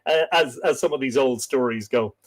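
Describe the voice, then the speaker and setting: A man's voice: mid-range voice, moderate pace. A man with an Irish accent and a lilting storyteller's delivery, hosting a casual live stream and chatting through viewer comments. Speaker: host and storyteller of a live myths show.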